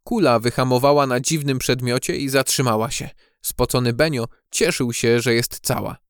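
A man narrating a children's storybook audiobook with expressive, measured storytelling on a close studio mic. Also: medium pitch, no room sound.

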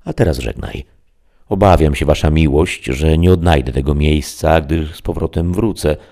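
A man voicing a blustering, excitable peasant squire in a loud, folksy way, reading an audiobook. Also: very deep voice, moderate pace, gravelly.

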